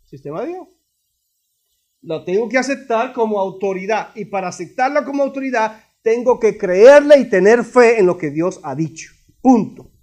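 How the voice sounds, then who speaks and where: Male pastor, very high voice, lively call-and-response preaching with humor. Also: normal speed. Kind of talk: sermon. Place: church sanctuary.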